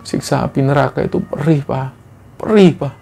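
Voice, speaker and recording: A man's voice: normal speed, gravelly, a little hiss or hum, lightly acted. A man voicing the sobbing spirit of a dead wife who pleads with her husband in a horror story. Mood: tearful pleading. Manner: sobbing, pleading, soft and higher. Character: dead wife's weeping spirit, pleading woman.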